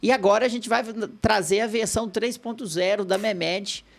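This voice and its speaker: Man, brazilian portuguese accent, gravelly, somewhat high voice, podcast host. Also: fairly even intonation. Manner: chatty, halting with restarts. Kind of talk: casual interview hosting.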